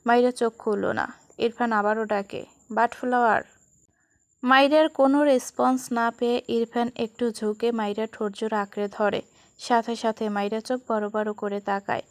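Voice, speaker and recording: A woman storyteller narrating a scripted romantic story in a steady, even reading voice. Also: fairly high pitch, moderate pace, dry recording.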